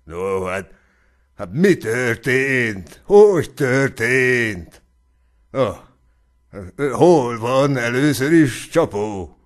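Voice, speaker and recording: A man's voice: medium pitch, expressive, lightly acted. Man putting on a pompous old country squire. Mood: eager. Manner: declaiming, exclamatory.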